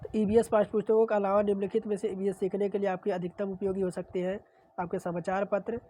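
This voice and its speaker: This woman teacher talks fast in a dark, mid-range voice with little pitch movement. Nursing a sore throat that she clears often, she steadily reads practice questions and explains the answers.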